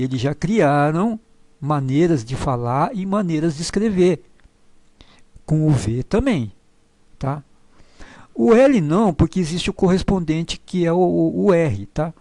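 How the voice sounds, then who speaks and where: A man teaching pronunciation in a slow, patient way, spelling out syllables one by one and checking in with his listeners. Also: on the high side, dark tone, no echo. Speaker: language teacher. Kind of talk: explanatory lesson on pronunciation.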